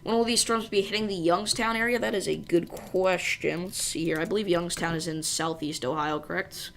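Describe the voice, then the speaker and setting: A woman's voice: lowish voice, steady tone, normal speed, vocal fry, slight background noise. A woman hosting a live severe weather stream, giving informal commentary and thinking aloud as she goes. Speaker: storm livestream host.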